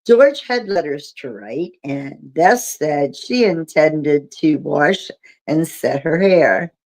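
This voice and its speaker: A woman reading a mystery novel aloud on a livestream, in a steady storybook manner. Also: sits low, slow pace. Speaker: reader.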